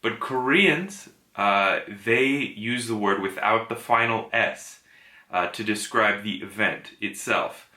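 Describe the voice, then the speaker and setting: A man gives an online language lesson in a bright, clear voice. He explains patiently, leans on "uh" between thoughts, and stretches out the sounds he wants learners to copy. The room around him is echoey. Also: on the low side. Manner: explains patiently, many "uh" fillers, repeats key sounds slowly. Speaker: Korean language teacher.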